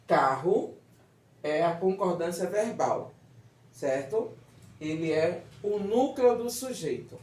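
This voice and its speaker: A man's voice: on the high side, a little mellow. A man with a Brazilian Portuguese accent teaching a grammar lesson, explaining step by step and often checking that the class follows. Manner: explanatory, checks understanding with "certo?" and "tá vendo?". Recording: echoey room, distant mic.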